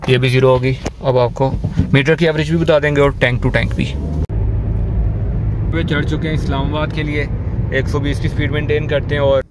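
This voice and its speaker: A man's voice: medium pitch, slight background noise. A young man with a Pakistani Urdu accent, vlogging casually to his viewers while driving and stopping along the road. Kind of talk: casual travel vlog narration. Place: in a car and outdoors at roadside stops. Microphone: phone or camera held at arm's length.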